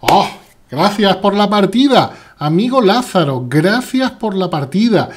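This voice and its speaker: A chess streamer with a Spain Spanish accent plays live and playfully answers viewers, reading chat aloud as he goes. His high voice is very animated at a measured pace, with slight background noise behind it.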